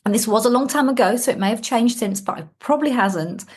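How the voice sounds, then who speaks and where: A woman's voice: fairly high pitch, fast, darkish tone, husky. A woman from Wales, a sales coach, telling her story as a guest on a video call in a reflective way. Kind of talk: casual interview on a call.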